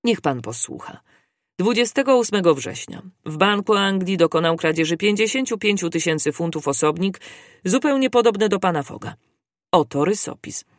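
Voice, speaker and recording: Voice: medium pitch, animated, normal speed, no echo, clean studio sound, natural voice. A reader voicing a cool, calculating male police inspector who speaks tersely and evenly. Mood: stern.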